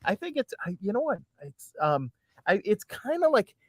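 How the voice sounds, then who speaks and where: A man's voice: high-pitched, sing-song, moderate pace, dry recording, studio quality. A man co-hosting a casual podcast, joking and often restarting his sentences. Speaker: podcast co-host. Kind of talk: casual chat.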